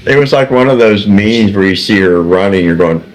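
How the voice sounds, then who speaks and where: Low-voiced, rambling male podcast co-host. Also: fairly quick, a little hiss or hum, rough recording. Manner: rambling, laughs often, trails off mid-sentence. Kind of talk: casual podcast chat.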